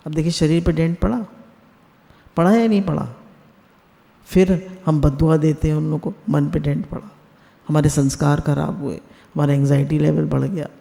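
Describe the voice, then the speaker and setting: A man gives a spiritual discourse over a video call and keeps putting questions to his listeners. His voice is gravelly and mellow, sits a little high, and trails into a long reverb. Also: steady tone, normal speed, pauses often. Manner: asks the listeners questions, mixes English words into Hindi. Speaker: satsang speaker.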